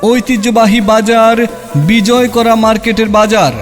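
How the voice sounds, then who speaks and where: Man calling out through a loudspeaker. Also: very high voice, little pitch movement, normal speed. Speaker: market announcer. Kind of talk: loudspeaker advertisement announcement. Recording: long reverb with faint music.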